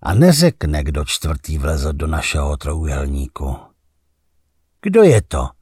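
A man reading an audiobook, voicing a jovial, thick-lipped poet friend who teases and confides in a low, hushed way. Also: wildly swooping pitch, slightly rough, no echo, studio quality, exaggerated voice. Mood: teasing. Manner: chummy, teasing, quietly confiding. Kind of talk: audiobook narration.

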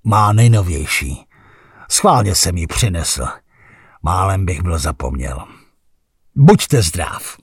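A man's voice: low voice, very animated, pauses often, breathy edge, no room sound, clean studio sound, full character voice. A man putting on a teasing, jovial poet. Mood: soothing. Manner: chummy, teasing, quietly confiding. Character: jovial teasing thick-lipped male poet friend. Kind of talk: audiobook narration.

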